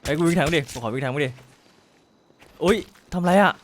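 A man streaming a game live, trash-talking his friends and firing off the same words again and again in quick bursts. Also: fairly high pitch, slight background noise. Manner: rapid excited trash talk with friends; repeats words in fast bursts. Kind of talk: live gameplay commentary.

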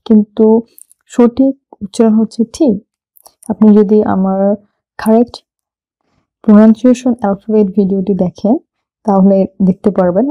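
A woman who speaks Bengali as her first language, teaching basic English vocabulary. She moves through the words patiently, spelling each one letter by letter before she explains it. Her voice is very dark and mellow, at an ordinary pitch. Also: lo-fi sound. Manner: spells each word letter by letter, then gives the meaning. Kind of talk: slow spelled-out vocabulary lesson.

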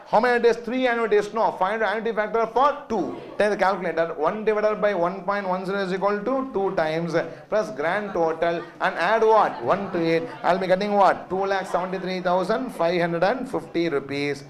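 High-pitched South Indian man teaching. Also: moderate pace, hardly any pauses. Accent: South Indian (Tamil). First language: Tamil. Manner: emphatic, repetitive questioning with tag questions. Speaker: finance teacher. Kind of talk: classroom lecture, step-by-step with rapid questions to students.

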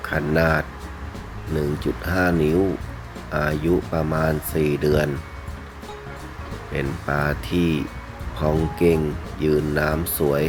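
A man narrates a sales video in a very deep voice. He takes his time, speaking politely in short, separated phrases with little melodic movement. Music plays behind him. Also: level tone, takes it slowly, long pauses. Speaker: fish seller presenting betta fish for sale.

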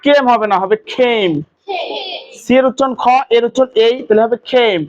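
A man teaching an English pronunciation lesson to a class, quizzing students with quick questions. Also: very high-pitched, fairly even intonation, highs cut off.

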